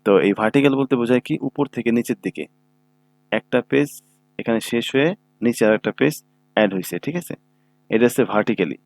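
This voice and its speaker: A man's voice: mid-range voice, fast talker, long pauses. A man giving a screen-recorded computer tutorial, explaining each step patiently and often checking that listeners follow. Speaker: computer instructor. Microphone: own microphone.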